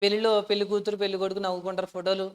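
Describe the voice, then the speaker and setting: A woman preaching a sermon with personal stories, earnest and emotional, often asking her listeners questions and swinging from soft to loud. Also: medium pitch, level tone, rapid-fire, clear, resonant tone.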